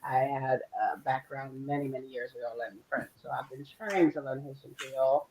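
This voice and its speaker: A Philadelphia woman in her forties, a guest on a casual panel, talks openly and chattily about herself with soft laughs. Her bass voice is steady at a moderate pace, and the rough recording carries a little hiss or hum.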